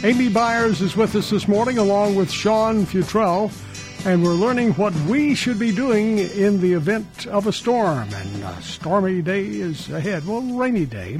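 A man's voice: high-pitched, a little mellow. A man hosting a live local radio show in a conversational way.

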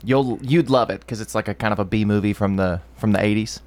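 A man co-hosting a radio show in casual, slightly halting chat. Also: on the low side, darkish tone. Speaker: radio co-host.

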